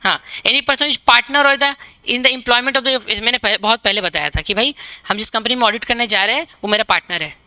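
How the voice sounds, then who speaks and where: Bright, crisp woman teaching exam prep. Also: fairly high pitch, dry recording, low-quality recording. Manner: reads English definitions slowly, then explains in casual Hindi with frequent check-ins; repeats points for students to remember. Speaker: commerce exam tutor.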